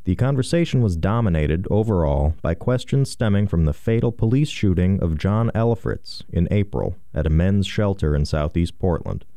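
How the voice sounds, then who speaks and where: Low, mellow male news reporter. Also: animated, moderate pace, few pauses, no room sound, studio quality. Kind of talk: scripted news report narration.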